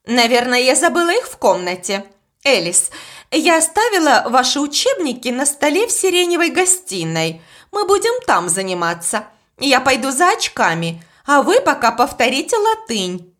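A woman's voice: high-pitched, big pitch swings, moderate pace, fairly bright tone, voice pushed up. A woman voicing a strict, suspicious governess who snaps out accusations. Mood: prim. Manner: snapping, accusing.

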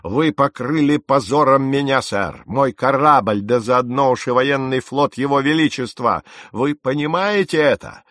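A man's voice: medium pitch, moderate pace, dry recording, studio quality, natural voice. A man voicing a stern, furious naval captain in an audiobook, sarcastic and commanding. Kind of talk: audiobook character reading.

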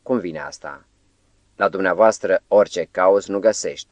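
A man's voice: sits low, no echo, dull audio, lightly acted. A man voicing an eccentric, mysterious foreign professor in an audiobook, shifting between melancholy and emphatic pleading. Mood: amused.

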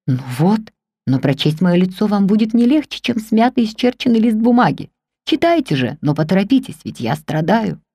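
A woman reading the part of a passionate middle-aged man in an audiobook, pleading in a low, intense voice. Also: sing-song, normal speed, dark tone, husky, dry recording, studio quality. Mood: ardent.

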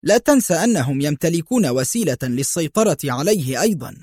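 A man's voice: on the high side, expressive, quick pace, darkish tone, husky, dry recording, studio quality, pitched above the performer's own voice. A man voicing a doubtful male colleague who questions a plan in a sharply raised voice.

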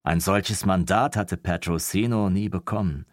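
Deep-voiced male audiobook narrator. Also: a little slow, dry recording, studio quality.

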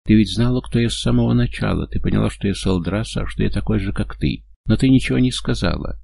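A man playing a desperate, furious young man who shouts, pleads and accuses. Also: fairly low pitch, moderate pace, gravelly, husky, no room sound. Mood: accusing.

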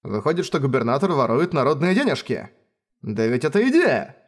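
A man's voice: medium pitch, very animated, a little fast. A man voicing a theatrical young man who dreams of writing novels. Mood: excited. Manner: theatrical, gushing.

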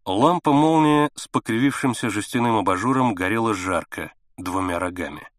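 A man narrating a literary story in a measured, subdued manner. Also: expressive, no room sound. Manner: measured and subdued, sinking low on dark passages. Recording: dry close recording.

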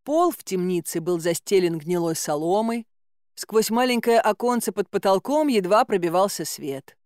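A woman narrating a first-person audiobook in a lively, ironic way. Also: medium pitch, normal speed, dry recording, clean studio sound.

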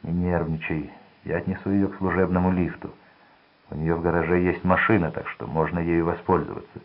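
A man voicing a cold, greedy male swindler who talks gruffly and with contempt. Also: deep voice, flat delivery, fairly quick, lo-fi sound. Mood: contemptuous.

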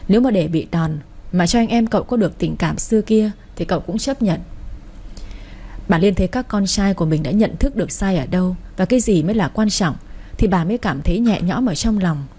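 Mellow-voiced woman storyteller. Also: medium pitch, expressive, brisk, husky. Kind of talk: scripted story narration.

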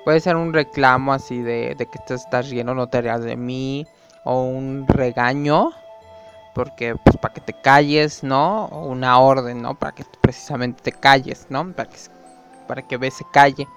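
A man's voice: mid-range voice, fairly even intonation, normal speed, a bit bright, clean tone, faint music behind. A young man telling a rambling, gossipy story as a vlogger. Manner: rambling and gossipy, full of fillers and tag questions. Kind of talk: casual storytelling.

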